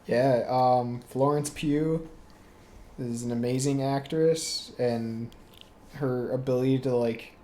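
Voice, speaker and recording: A man co-hosting a podcast, chatting casually about movies, relaxed and quick to laugh. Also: mid-range voice, slight background noise. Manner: relaxed, laughs often, lots of fillers. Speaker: podcast co-host. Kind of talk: casual movie review chat.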